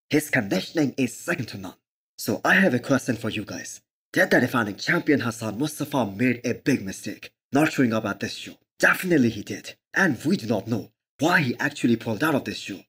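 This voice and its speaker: Husky man doing emphatic sports commentary. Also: mid-range voice, a bit bright. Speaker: host of a fitness channel.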